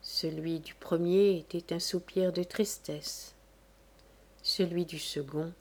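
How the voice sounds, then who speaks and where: A woman narrating a classic novel in a measured, deliberate reading. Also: fairly low pitch, steady tone. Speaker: audiobook narrator.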